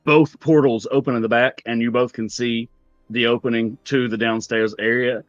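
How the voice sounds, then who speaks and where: A man's voice: medium pitch, level tone, normal speed, no room sound, dull audio. A man running a tabletop role-playing game as game master, narrating in a casual, conversational way. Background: music.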